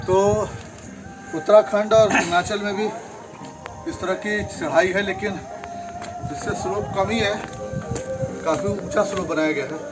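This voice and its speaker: A man's voice: high voice, fairly even intonation, unhurried, pauses often. A man from Bihar, chatting encouragingly as he hikes outdoors up a hill path, slightly out of breath. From Bihar, India. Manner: chatty, encouraging, talks while hiking uphill. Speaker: trekking vlogger. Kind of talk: casual chat while trekking. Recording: music playing underneath.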